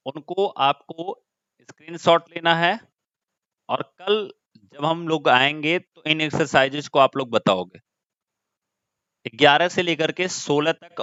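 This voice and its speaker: A man's voice: fairly high pitch, pushed and bright, smooth, no room sound, highs cut off. A man teaching an online class, explaining step by step and often putting questions to his students.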